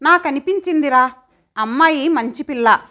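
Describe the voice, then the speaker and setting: Woman doing a fond chatty mother, homely, high voice, audio story. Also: normal speed, bright, forceful tone.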